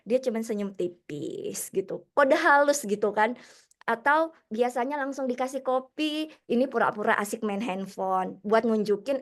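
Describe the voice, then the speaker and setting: A young woman, a special-needs teacher giving a webinar talk to teachers and parents, telling stories in a lively way and acting out the voices she quotes. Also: fairly high pitch. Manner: lively storytelling, acts out quoted voices, chatty asides.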